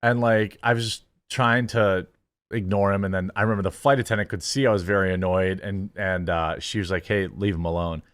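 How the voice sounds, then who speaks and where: A man hosting a show, giving casual reaction commentary in a rambling, halting, conversational way. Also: fairly low pitch, fairly even intonation, a bit bright, no room sound.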